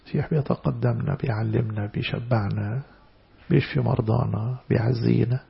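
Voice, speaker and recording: A man with an Egyptian Arabic accent preaching a church sermon, stressing words loudly and then dropping into soft asides. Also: medium pitch, steady tone, fairly quick, gravelly, slightly rough, highs cut off. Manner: emphatic, swinging between loud stresses and soft asides.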